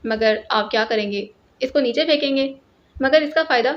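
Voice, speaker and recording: A woman's voice: high-pitched, natural voice. A woman voicing a loyal male agent who asks respectful questions, in a storybook reading. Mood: questioning. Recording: lo-fi, dull sound.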